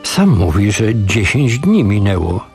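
A man's voice: fairly low pitch, big pitch swings, unhurried, darkish tone, soft background music. A man reading the lines of an anxious young husband who pleads urgently with his father in a storybook reading. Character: anxious young married man, the old man's son.

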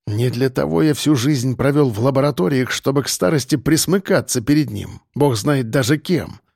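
A man's voice: medium pitch, normal speed, creaky, darkish tone, no echo, clean studio sound. A man reading an audiobook, voicing a nervous, irritable aging professor who talks hesitantly and defensively.

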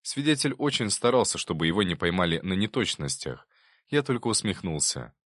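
A man narrating a first-person audiobook story in an even storytelling manner. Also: sits low, brisk, dry recording, studio quality.

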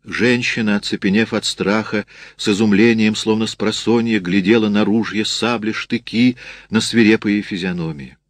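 A man reading a novel aloud in a steady, measured way. His voice sits low, and the recording is dry and close with no room sound. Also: no echo. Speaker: narrator. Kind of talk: audiobook narration.

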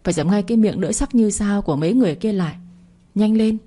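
A woman voicing a bold young village woman who scolds her friend in quick, sharp bursts. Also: medium pitch, husky, lightly acted. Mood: scolding.

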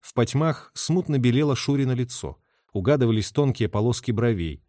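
A man's voice: medium pitch, animated, fairly quick, warm tone, no echo. A man reading a novel aloud as a narrator, telling the story expressively into a close mic. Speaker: audiobook reader. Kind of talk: literary narration.

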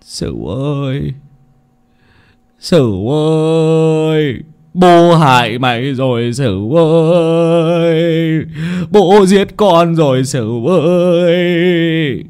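Guy doing a weeping old man begging, slow wails, storybook audio. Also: on the high side, a little mellow, clean tone, voice pushed up. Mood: wailing. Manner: slow wailing pleas. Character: doomed old man, pleading and sobbing.

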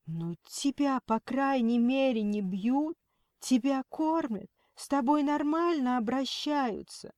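A woman's voice: high-pitched, animated, slow, darkish tone, dry recording, studio quality, pitched above the performer's own voice. A woman voicing a frightened yet firm middle-aged mother arguing with a kidnapper. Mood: agitated. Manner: agitated, firm. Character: frantic but stubborn middle-aged mother.

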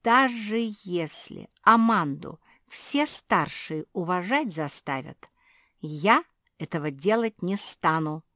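A woman's voice: on the low side, lively intonation, takes it slowly, a bit bright, no room sound, studio quality, exaggerated voice. A woman voicing a defiant, fiercely loyal female pug puppy in an audiobook.

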